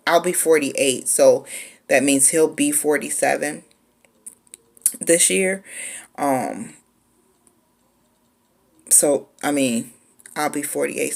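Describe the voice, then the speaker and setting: Low gravelly woman in her 40s, slow laid-back storytime chat. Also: darkish tone. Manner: laid-back, chatty, with frequent "um" pauses. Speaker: vlogger. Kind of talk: casual storytime.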